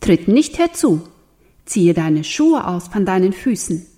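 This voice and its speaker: God in a children's Bible story, an almighty male voice that gives calm, solemn commands, as a woman reads him out. He speaks slowly and deliberately, weighing every word. This is storybook reading, not a booming performance.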